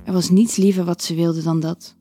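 Low, mellow woman narrating a story. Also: fairly even intonation, normal speed, slightly rough, faint music behind. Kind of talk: scripted erotic story narration.

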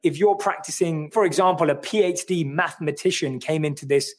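A Londoner, an author appearing as a guest in a livestream conversation, works through his ideas earnestly and reflectively. His voice is slightly high for a man, and he speaks fairly quickly in a London English accent.

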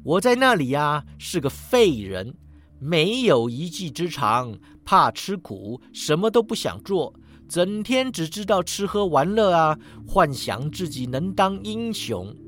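A man's voice: fairly high pitch, big pitch swings, a little slow, fairly bright tone. A man voicing a lazy, glib male orange cat who sighs and tacks a meow onto his lines, in a storybook reading. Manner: drawling, sighs 'ai' and tacks 'meow' on lines. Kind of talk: storybook character voice.

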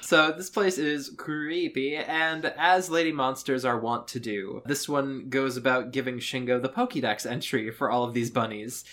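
A woman's voice: very deep voice, steady tone, normal speed, hardly any pauses, a bit bright. Wry, sarcastic woman podcast host. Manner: wry, sarcastic, laughs often. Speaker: podcast co-host recapping an anime. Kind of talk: casual chat.

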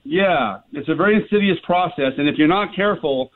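A man's voice: a little high, fairly quick. Earnest man on a tinny phone line. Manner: earnest, lays out numbered points with many "you know" fillers. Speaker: guest, small business owner. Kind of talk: phone-in radio interview. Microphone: telephone.

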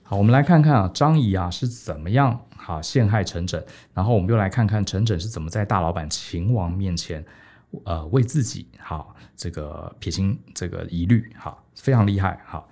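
A podcast host retells an old story in a casual, animated way. His voice is lowish and warm, with a lively, swooping pitch. He keeps tagging his sentences with a little "ha". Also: normal speed. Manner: animated, peppers speech with 哈.

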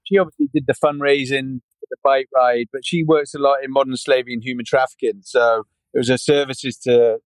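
A man's voice: mid-range voice, flat delivery, fairly quick, few pauses, smooth, no echo, poor audio. Chatty British man in his forties. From United Kingdom. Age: 40s. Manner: rambling, many restarts, frequent "yeah" and "you know". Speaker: podcast guest. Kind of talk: casual interview chat.

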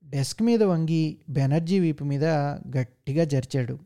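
A man reading a story aloud as narrator, in a measured, steady way. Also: fairly high pitch.

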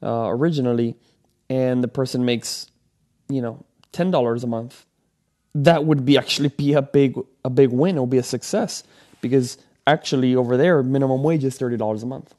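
Hosting his own solo motivational podcast, a thirtysomething Venezuelan man coaches earnestly but rambles, with many ums, fillers and restarts. He speaks in a mid-range, slightly mellow voice at a moderate pace.

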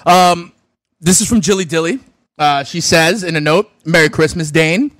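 A man's voice: a little high, moderate pace, no room sound. A young man hosting a fantasy sports radio show, chatting casually and animatedly while opening gifts. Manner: animated, exclaiming, talks with mouth full.

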